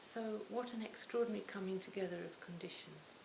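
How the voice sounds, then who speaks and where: A woman in her sixties giving a reflective Buddhist talk to a retreat audience, her phrases often trailing off softly. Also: medium pitch, a little fast, gravelly. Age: 60s. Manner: reflective, warm storytelling with soft trailing phrase ends. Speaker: Buddhist teacher. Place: retreat hall. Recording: roomy hall, faint hiss.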